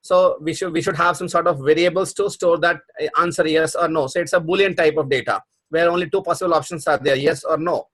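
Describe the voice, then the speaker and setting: Quick and with few pauses, the middle-aged man teaches programming over a video call, his high-ish voice a bit bright and fairly even in intonation. He explains concepts patiently for the live online class, though with many restarts, repetitions and fillers.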